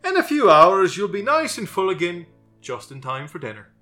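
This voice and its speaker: A man's voice: on the high side, wildly swooping pitch, normal speed, pushed and bright, voice pushed up, full character voice. A man voicing a pedantic many-faced geometric male figure with a put-on Scottish accent, with faint guitar music behind. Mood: consoling. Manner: pedantic, exclaiming.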